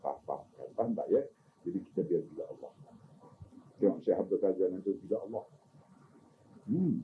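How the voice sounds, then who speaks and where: An older man giving an informal religious talk, animated and teasing, often asking his listeners questions. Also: sits low, fairly quick, slight background noise, low-quality recording. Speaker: religious teacher.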